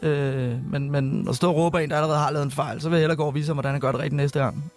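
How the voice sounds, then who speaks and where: A man on a podcast, speaking as a chef in casual conversation. He hesitates often, circling back and restarting his sentences. His voice sits a little high, with faint music playing behind him. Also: fairly even intonation. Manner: halting, many fillers and restarts. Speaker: chef guest.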